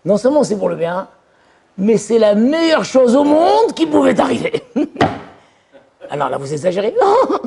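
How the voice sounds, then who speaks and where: A man giving an animated religious lecture as a rabbi, telling stories and acting out little dialogues. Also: very high-pitched, normal speed, gravelly, pauses often, background noise. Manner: lively storytelling, acts out voices. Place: yeshiva lecture hall.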